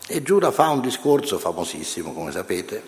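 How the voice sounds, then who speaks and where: A man's voice: on the low side, sing-song, moderate pace. A middle-aged man giving a public lecture, talking conversationally and addressing his audience directly. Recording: echoey hall with long reverb.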